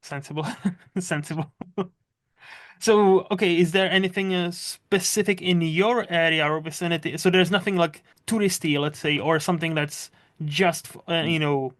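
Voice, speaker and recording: A podcast host from the Czech Republic who lives in Scotland speaks with a Czech accent tinged with Scottish tones. His fairly high, slightly bright voice keeps fairly even intonation at a normal speed as he rambles and laughs through a casual interview.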